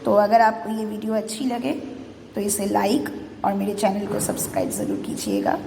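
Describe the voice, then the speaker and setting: A woman's voice: mid-range voice, very animated, moderate pace, vocal fry, warm tone, slight background noise. A woman teacher explaining grammar to young children, patiently working through examples step by step and asking questions. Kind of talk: Hindi grammar lesson for children. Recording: echoey room with long reverb.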